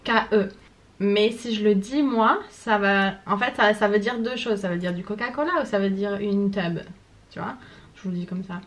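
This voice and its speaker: A young French woman with a French accent, chatting casually to camera in a vlog, slangy and quick to laugh. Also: medium pitch. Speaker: vlogger.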